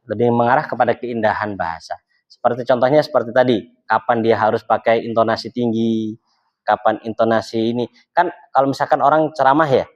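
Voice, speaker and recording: A male Islamic religious teacher, explaining in a casual talk and answering his own rhetorical questions. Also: mid-range voice. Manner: asks rhetorical questions and answers them himself. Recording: slightly dull lo-fi sound.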